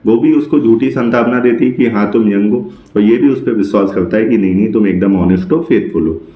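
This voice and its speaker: A man teaching an exam-prep literature lesson, explaining step by step, often checking with the class, and reading English lines slowly. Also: fairly low pitch, warm tone, roomy sound.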